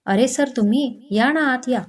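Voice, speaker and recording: A woman's voice: high-pitched, measured pace. A woman voicing a stern but kind young male doctor in a spoken storybook. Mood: dry.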